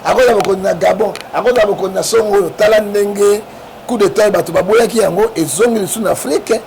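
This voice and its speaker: A man from the Congo speaks with a Congolese French accent, his voice pitched high and rough with gravel. He argues hard, pushing his points and tagging them with quick questions to the listener. A steady noise runs under the recording. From Democratic Republic of the Congo. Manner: emphatic, keeps asking "hein?" to prod the listener. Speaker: interview guest. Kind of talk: animated political talk. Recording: noisy background.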